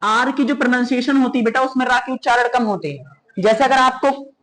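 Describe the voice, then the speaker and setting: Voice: medium pitch, fairly quick, a bit bright, rough recording. A teacher giving an informal spoken pronunciation lesson. The teacher addresses listeners fondly as children, repeats each sound several times to demonstrate it, and adds teasing, scolding asides.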